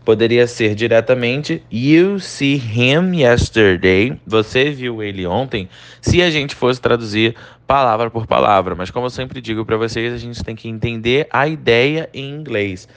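Brazilian male English teacher, mid pitch, patient step-by-step explainer, reads examples out slowly. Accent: Brazilian Portuguese. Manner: explains step by step, often asks "né?" and "ok?". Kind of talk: recorded online lesson.

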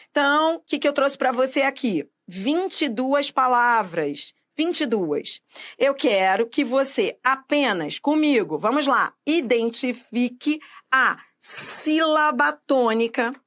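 A woman's voice: on the high side, a bit bright. A woman teaching Portuguese grammar for exam prep, stretching words out and checking in with the viewer. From Brazil. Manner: didactic, drawn-out syllables, checks in with the viewer.

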